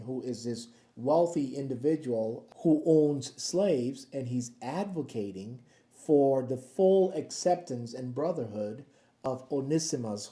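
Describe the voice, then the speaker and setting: Speaking to the camera in a daily devotional, this pastor has a warm, mid-range voice and a conversational style. He frequently checks in with "okay?" and "right?", recorded in a room with noticeable echo.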